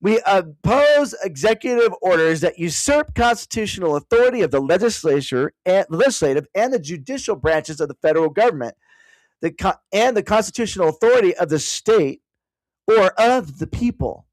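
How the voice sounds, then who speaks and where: Man, fairly high voice, casual explanatory talk, digressive asides, dry close sound. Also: lively intonation, moderate pace, no echo, rough recording. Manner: thinks aloud while searching online. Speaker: political candidate hosting a learning session.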